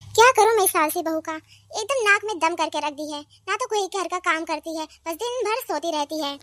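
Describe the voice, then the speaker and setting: A woman voicing a weary, scolding old village mother-in-law who calls out loudly and nags. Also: very high voice, expressive, moderate pace, no room sound. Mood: grumbling. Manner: nagging, calling out loudly.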